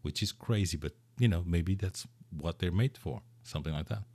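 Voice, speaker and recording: Very low-voiced guy, portuguese native, chatting loose and rambly, dry close sound. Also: normal speed, dark tone, dry recording. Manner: rambling, full of repeats and fillers. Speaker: podcast host. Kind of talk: casual chat.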